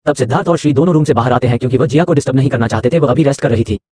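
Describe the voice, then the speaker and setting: Rapid-fire male storybook narrator. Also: mid-range voice, husky, no echo. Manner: rapid, even reading. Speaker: audiobook narrator.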